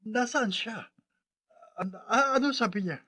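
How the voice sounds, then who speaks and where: A man's voice: high voice, unhurried, sharp tone, no room sound, heavily acted. A man playing a flustered, defensive husband in a radio drama, who stammers as he talks.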